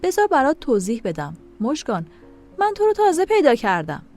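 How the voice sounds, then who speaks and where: Woman voicing an earnest young man, gentle former fiancé, audio story, high-pitched, lively delivery. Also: faint music behind. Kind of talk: audio drama reading.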